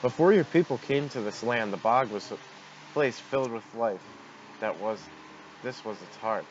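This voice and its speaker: A man's voice: mid-range voice, animated, moderate pace, lightly acted. Man reading a solemn creature, muffled noisy recording. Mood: solemn gratitude. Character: solemn, grateful native creature addressing an outsider. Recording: dull noisy home microphone.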